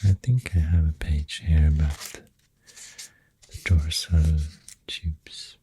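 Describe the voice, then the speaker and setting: Right up against the microphone, an ASMR host speaks in a very soft, deep voice with a Swedish accent, nearly all breath and whisper. Slow and melodically flat, the delivery rambles gently through facts with pauses while drawing. Pencil writing and clicking sounds play behind it, along with slight background noise.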